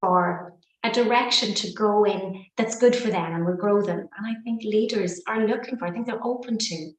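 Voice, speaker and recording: This Irish woman in her fifties, a coach and psychotherapist, gives reflective interview answers full of homespun expressions, delivered fluently and with feeling. Her mid-range voice moves at a moderate pace through an echoey room on a rough recording.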